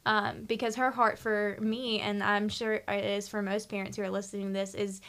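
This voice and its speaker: A woman's voice: medium pitch, level tone, moderate pace, a bit bright. A young woman guest talking casually and earnestly, with lots of ums and likes. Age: young adult. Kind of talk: casual conversation.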